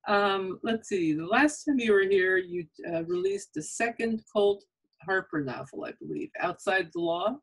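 A woman hosting a podcast interview, asking measured questions in a friendly conversational way, recorded on a condenser microphone. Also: medium pitch, breathy edge, rough recording. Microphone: condenser mic on a boom arm.

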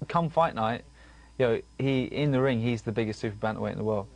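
A man's voice: mid-range voice, fast. A man who trains boxers, a guest on a radio show, talking chattily with lots of fillers and repeated words. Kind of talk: radio interview.

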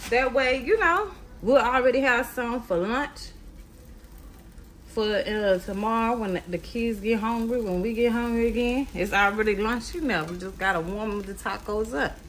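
A woman in her thirties hosts a casual cooking vlog from her home kitchen, chatting straight to her viewers and calling them "y'all" and "baby." Her voice sits on the high side with a slightly bright quality, at a normal speed, over a little background noise.

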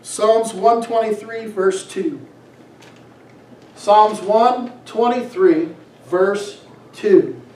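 This is a middle-aged male pastor with a high, slightly mellow voice, preaching with emphasis on the stage of a small church sanctuary. He reads scripture, draws out his phrases, and pushes his message through rhetorical questions. Captured from afar in an echoey space, the audio has a faint hiss or hum.

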